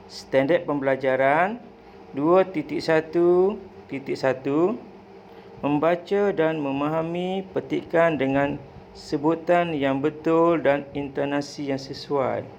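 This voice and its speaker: A male primary school teacher, giving a clear, explanatory recorded lesson with "ah" fillers. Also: fairly high pitch, a little hiss or hum, rough recording.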